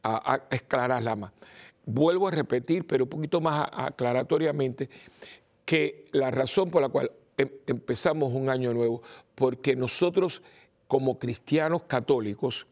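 An older priest with a blended Spanish accent talks through an unstructured, informal homily, often repeating words and pausing with fillers. He speaks at a medium pitch with a darkish tone.

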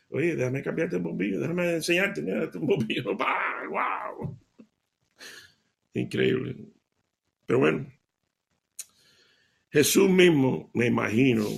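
A man giving a devotional talk, telling stories in an animated way and laughing as he goes. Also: medium pitch, vocal fry. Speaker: lay preacher.

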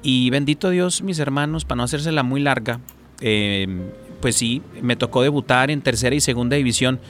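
A man's voice: mid-range voice, normal speed, faint music behind. A man with a Mexican accent, a talk-show guest giving a personal testimony, rambling with many fillers and restarts.

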